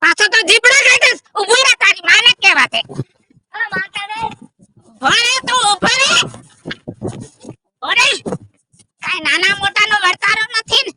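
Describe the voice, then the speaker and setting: A man's voice: very high voice, animated, measured pace, pauses often, sharp tone, exaggerated voice. A man playing a grumpy old village man whose wife has left, complaining and cursing in a theatrical way. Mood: scolding. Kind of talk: rustic comedy sketch acting.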